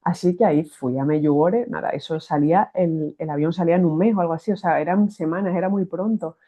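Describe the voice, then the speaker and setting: A woman with a Spanish accent from Spain tells a personal faith testimony in a lively way, often restarting her phrases. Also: lowish voice, fast. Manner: animated, restarts phrases, acts out quoted voices. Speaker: guest giving a faith testimony. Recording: tinny phone-like sound.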